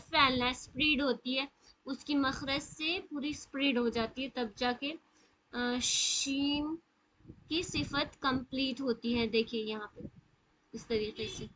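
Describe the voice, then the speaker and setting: A woman teaches recitation in a live online class, with a high, bright voice. She explains patiently and stretches out individual letter sounds to demonstrate them. Her delivery stays clear and instructive throughout. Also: steady tone, slight background noise, rough recording. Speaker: tajweed teacher.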